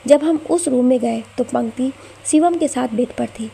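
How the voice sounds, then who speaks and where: A scheming young woman whines and pleads, faking tears, in a storybook reading, voiced by a woman narrator. The voice is dark and gravelly, slightly high. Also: normal speed, exaggerated voice. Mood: pleading.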